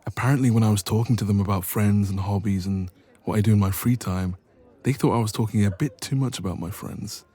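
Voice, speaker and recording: Speaking a little fast in a lowish, dark, natural voice, a man plays the shy best friend with a secret crush in a romance audio roleplay. He comes across as embarrassed and hesitant, addressing the listener in an intimate one-sided ASMR scene.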